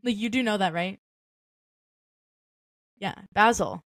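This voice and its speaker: A woman's voice: mid-range voice, slow, no echo. A woman co-hosting a chat podcast in a playful, teasing way, often bursting into disbelief. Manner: playful, teasing, loudly incredulous. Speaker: podcast co-host. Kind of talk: casual chat.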